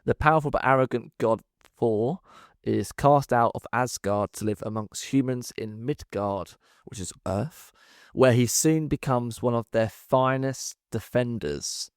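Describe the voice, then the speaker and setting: A man's voice: medium pitch, measured pace, smooth, no room sound, studio quality. A man hosting a casual quiz chat, who says th as f and often restarts his words. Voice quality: th-fronting, says th as f. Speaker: host of a film ranking quiz podcast.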